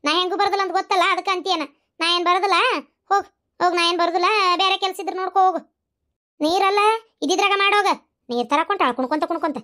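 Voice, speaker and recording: A woman's voice: very high-pitched, rapid-fire, pushed and bright. Woman playing a scolding village mother-in-law. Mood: scornful. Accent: North Karnataka Kannada. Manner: scolding, mocking. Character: sharp-tongued older village mother-in-law. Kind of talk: village family skit.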